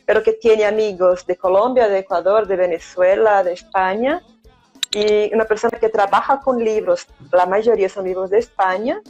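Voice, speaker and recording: A woman's voice: mid-range voice, dark tone. A woman from São Paulo with a Brazilian Portuguese accent, a guest Spanish teacher, talking in a thoughtful, hesitant way. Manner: thoughtful, musing, many hesitations. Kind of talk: casual conversational interview. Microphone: phone or webcam on a live stream. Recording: dull lo-fi live stream audio with faint music.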